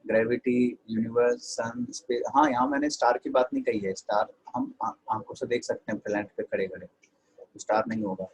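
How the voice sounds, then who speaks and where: A man's voice: mid-range voice, steady tone, fairly quick, rough recording. An Indian man teaching an online English class, mixing Hindi with English and dictating notes to his students.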